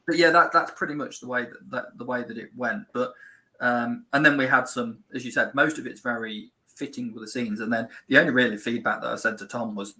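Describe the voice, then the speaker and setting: A man answering as a film director guest in a casual interview, easygoing and a bit halting. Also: mid-range voice, pushed and bright, slight background noise, low-quality recording.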